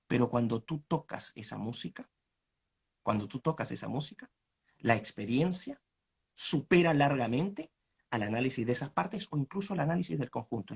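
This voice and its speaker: A man's voice: medium pitch, creaky, slightly rough. A man arguing his side in a live online debate over a video call, asking rhetorical questions. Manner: argumentative, asks rhetorical questions.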